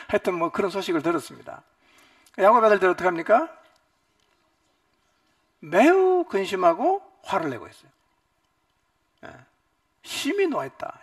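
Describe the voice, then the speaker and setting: A male pastor preaches at a church retreat in a high, very lively voice. He swings from loud, animated outbursts to quiet asides. The sound is dry, with him a little away from the microphone. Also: breathy edge, no echo, far from the mic. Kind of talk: retreat Bible lecture.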